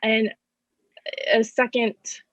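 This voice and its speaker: A woman's voice: on the high side, level tone, fairly bright tone, dry recording, dull audio. Woman voicing a deaf panelist's signing. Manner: halting, self-correcting, speaks in first person for the signer. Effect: interpreter's voice-over of a deaf speaker's signing. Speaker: sign language interpreter voicing a deaf panelist. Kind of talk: live interpreted panel remarks.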